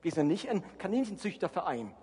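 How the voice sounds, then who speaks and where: A male pastor delivers a sermon in a fairly high, husky voice. He preaches with emphasis and keeps turning to his listeners with rhetorical questions. His words ring out with a long reverb, as if from a large hall. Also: sing-song, a little fast, darkish tone.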